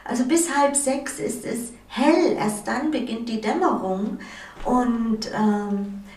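Gentle, slow-speaking woman host. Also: fairly high pitch, a little hiss or hum. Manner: gentle, unhurried, with many pauses and hesitations. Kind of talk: calm spiritual talk-show chat. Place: living-room studio with wall hangings. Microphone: far camera. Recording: roomy sound from a distant mic.

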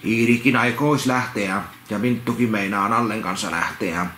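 A man's voice: lowish voice, sharp tone. Rambling man reading a picture book. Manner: repetitive, halting, full of restarts and asides. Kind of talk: casual read-along with rambling commentary. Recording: roomy echo, faint background noise.

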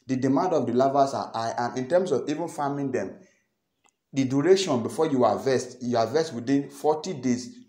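A young man with a Nigerian accent talks to the camera in a small room, patiently explaining and often saying things twice. His voice sits at an ordinary pitch. The room adds a noticeable echo. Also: a little mellow. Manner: repeats phrases, earnest and explanatory. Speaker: farming channel host. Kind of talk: instructional vlog talk to camera.

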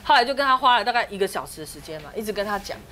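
A woman, telling a family story as a talk-show guest, with rapid restarts. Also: mid-range voice, lively intonation, a bit bright. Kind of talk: casual studio chat. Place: TV studio. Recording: TV studio with background music.

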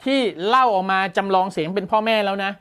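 A man's voice: sits high, fast talker, a bit bright, smooth. A man hosting a tech news show, explaining a gadget in a casual, enthusiastic way and exclaiming often.

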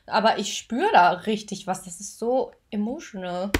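A woman YouTuber giving excited reaction commentary, gushing with frequent exclamations and English phrases. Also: medium pitch, moderate pace, very noisy. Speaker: YouTuber reacting to a music video. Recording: the reacted-to music playing clearly behind her.

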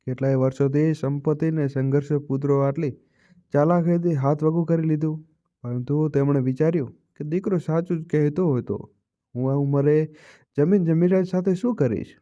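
A male storyteller reads a moral tale in a steady, even manner. His voice is pitched a little high but sounds very dark and mellow. The recording is dry, with a dull, muffled top end. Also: moderate pace, no room sound. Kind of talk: scripted story narration.

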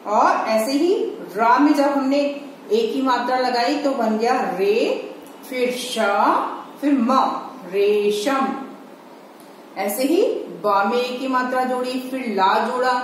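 A woman's voice: fairly high pitch, steady tone, slow pace, slight background noise. A woman teaching Hindi to small children in a patient lesson, sounding out syllables and asking rhetorical questions. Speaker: primary school Hindi teacher. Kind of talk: slow, patient classroom lesson video. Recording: echoey room, voice a bit distant from the mic.

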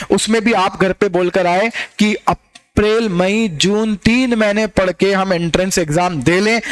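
A man with a high voice lectures a class as an exam coach. He teases his students and keeps throwing rhetorical questions at them, like a classroom talk. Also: clear, resonant tone. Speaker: exam-prep teacher.

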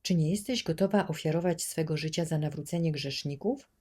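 A woman voicing a gentle, pious young boy who speaks softly and earnestly, in an audiobook reading. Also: sits low, brisk, breathy edge. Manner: soft, earnest.

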